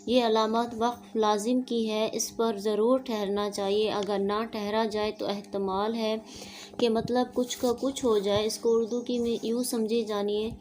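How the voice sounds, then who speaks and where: A woman teaching an online Quran lesson, explaining step by step in a steady teaching manner and slipping in English words. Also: on the high side, slight background noise.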